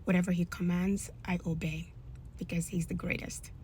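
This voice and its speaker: A woman in her thirties telling her faith testimony in a casual, animated, emphatic way. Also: fairly low pitch, moderate pace, slight background noise. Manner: animated, emphatic, acts out dialogue. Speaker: influencer sharing a faith testimony.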